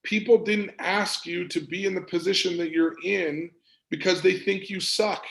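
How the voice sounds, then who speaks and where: A man coaching an audience on performance in an energetic, emphatic presentation, repeating words for stress. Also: high voice, moderate pace, creaky, echoey room, low-quality recording. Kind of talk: motivational presentation.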